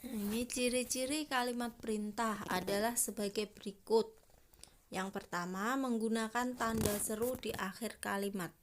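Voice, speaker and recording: A woman's voice: on the high side, fairly even intonation, moderate pace, background noise. A woman teacher, patiently explaining a grammar lesson to young pupils and asking them questions.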